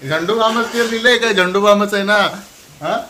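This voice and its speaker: A man's voice: high voice, normal speed, noisy background. A man hosting a casual couple vlog, teasing his wife and then sheepishly apologizing. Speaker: vlogger husband.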